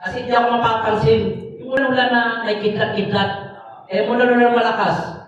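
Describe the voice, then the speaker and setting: A man's voice: very high voice, level tone, fairly quick, fairly bright tone, muffled recording. Man preaching in an echoey hall. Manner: conversational, with frequent tag questions and fillers. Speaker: lay preacher. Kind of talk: storytelling sermon. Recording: echoey hall, mic far off, faint noise.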